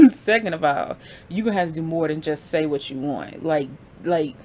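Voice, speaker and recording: A woman's voice: low-pitched, animated, normal speed, darkish tone. Chatty woman giving a tarot reading. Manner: chatty and conversational, laughing often; informal slang, frequent fillers. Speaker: tarot reader. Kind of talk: casual pick-a-card tarot reading.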